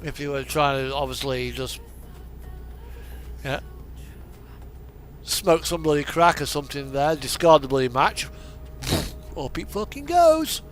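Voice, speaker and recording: Here a streamer with a fairly high voice chats unhurriedly through his truck simulator gameplay, pausing often and letting his intonation rise and fall in a lively way. His commentary is casual, rambling, and hesitant, with radio music and game sound behind it.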